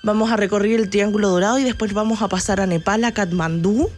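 A woman's voice: mid-range voice, fairly even intonation, fast, a little mellow, soft background music. A Chilean woman, a guest on a radio show, talking with enthusiasm about travel and laughing easily. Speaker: travel agency press chief, guest.

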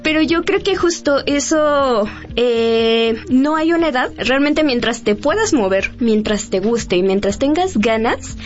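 A woman's voice: high voice, animated, a little slow, hardly any pauses, dull audio, soft background music. Thoughtful woman in her thirties. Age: 30s. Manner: thoughtful, uses fillers like este. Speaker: ballet dancer guest. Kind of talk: radio interview.

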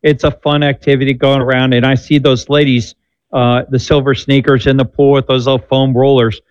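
A man's voice: mid-range voice, level tone, brisk, clear, resonant tone, dry recording. A man in his sixties, a doctor on a call-in show, giving upbeat coaching advice that turns preachy at times. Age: 60s. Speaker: doctor guest answering callers. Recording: dull slightly lo-fi sound.

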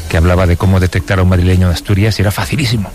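A man's voice: deep voice, steady tone, very fast, a little mellow, soft background music. A man hosting a casual radio conversation, often stumbling and repeating words as he starts his sentences. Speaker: radio host.

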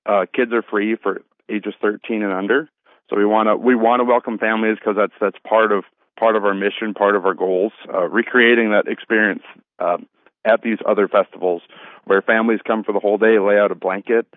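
The phone-in guest, a festival organiser, has a fairly low pitch and a steady tone, talking a bit fast. Earnest and polite, he keeps things conversational. The telephone line sounds thin and narrow, with no echo.

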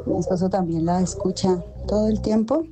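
A woman's voice: medium pitch, steady tone, fairly quick, very noisy. A woman calling in to a radio show, cheerful and chatty. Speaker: caller.

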